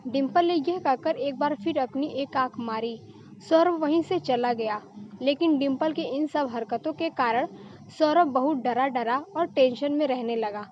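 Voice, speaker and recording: Woman storyteller, steady narration, high-pitched, muffled lo-fi recording. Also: measured pace.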